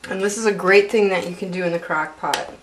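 A young female home cooking vlogger speaks fairly quickly in a lowish, steady voice during a casual cooking demo. She keeps up a chatty stream of jokes aimed at the camera. Recorded indoors in an echoey kitchen on a camera mic several feet away, the sound is noisy.

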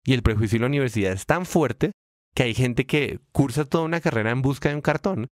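A man co-hosting a casual podcast, explaining ideas with emphatic rises in pitch. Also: fast talker, no room sound, studio quality. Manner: explanatory, animated pitch jumps when stressing points. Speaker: podcast co-host.

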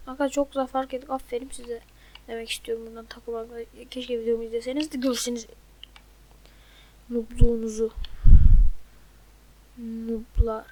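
A woman giving gameplay commentary into a desk microphone, exasperated and loudly mocking her teammates. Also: on the high side, a little hiss or hum, poor audio. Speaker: gamer.

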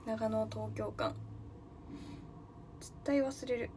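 A woman's voice: on the high side, fairly even intonation, slow pace, dark tone, slight background noise. A young woman from Nagano, chatting casually on a livestream, thinking aloud and greeting viewers often. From Nagano, Japan. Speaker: livestreaming idol.

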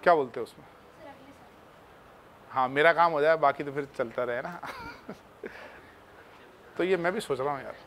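A man's voice: a little high, big pitch swings, measured pace, long pauses, fairly bright tone, a little hiss or hum. A man teaching chemistry in a casual, chatty way, talking to his students like friends. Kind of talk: casual classroom talk.

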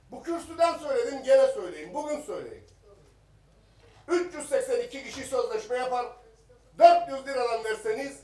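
A man speaks from a rostrum microphone in an assembly hall, his voice pitched high for a man. He argues combatively and repeats rhetorical questions at the minister. The sound rings around a roomy chamber, with him set back from the mic. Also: a little mellow, recorded from a distance. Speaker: member of parliament. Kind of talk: parliamentary floor speech. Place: parliament chamber. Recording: echoey chamber, voice a bit off the mic.

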